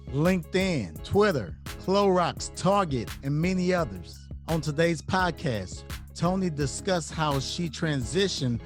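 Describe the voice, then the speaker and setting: Enthusiastic male podcast host. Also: on the high side. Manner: enthusiastic, frequent short affirmations. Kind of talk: podcast interview.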